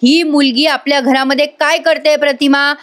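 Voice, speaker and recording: A woman voicing a stern middle-aged man with a quick temper while retelling a TV serial scene, scolding and firing off demands. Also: sits high, steady tone, a bit bright, pitched above the performer's own voice. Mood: angry.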